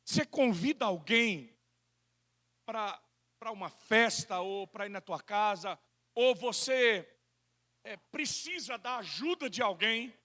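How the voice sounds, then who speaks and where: A Brazilian pastor preaching an animated sermon, acting out people's excuses in quoted voices. His voice sits unusually high and sounds bright and forceful. He delivers it with a Brazilian Portuguese accent.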